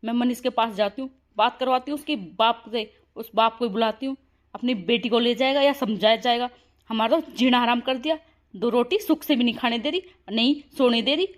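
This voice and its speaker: A tired, fed-up mother-in-law from a cartoon family drama, voiced by a woman. She complains wearily in a fairly high voice. She sounds worn down by the household fighting. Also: a little fast, lightly acted. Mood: weary.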